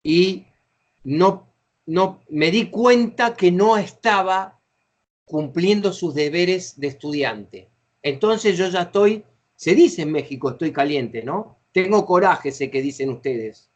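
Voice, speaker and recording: A man's voice: high-pitched, animated, takes it slowly, dull audio. A middle-aged Argentine man runs a facilitator training session, talking at length in a slightly raised voice. He explains in a chatty way and acts out short example phrases. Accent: Argentine Spanish.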